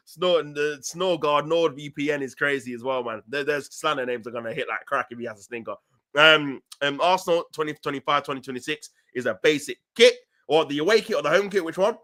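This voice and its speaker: A man's voice: fairly high pitch, brisk, pushed and bright. A young man hosting a casual football live stream, reading chat messages in loose, slangy talk and laughing often.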